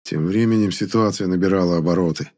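A man narrating an audiobook in a measured, expressive way. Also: low voice. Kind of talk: scripted narration.

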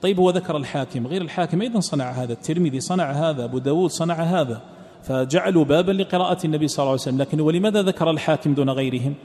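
A man teaching a text line by line, repeating phrases and trailing off into a low murmur at the ends of sentences. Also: very fast, a little mellow. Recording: long hall reverb.

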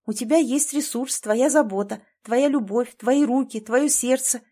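A woman's voice: on the high side, unhurried, warm tone, pitched above the performer's own voice. A woman reading an audiobook and voicing a strong-willed woman who argues insistently, with a steely edge in her voice. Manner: insistent, pleading and emphatic. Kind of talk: audiobook character voice.

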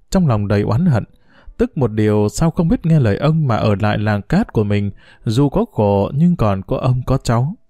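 Guy narrating an audiobook, steady, warm mellow voice, dry sound. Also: mid-range voice, dry recording. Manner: steady, storytelling.

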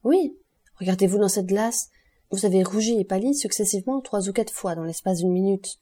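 A woman voicing a poised baroness in an audiobook, gently concerned. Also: mid-range voice, fairly quick, slightly rough, lightly acted. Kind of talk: audiobook reading.

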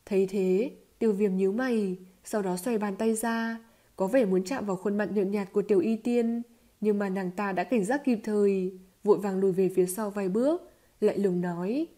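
A woman giving scripted audiobook narration of a novel in an even, steady storytelling manner. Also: mid-range voice, moderate pace.

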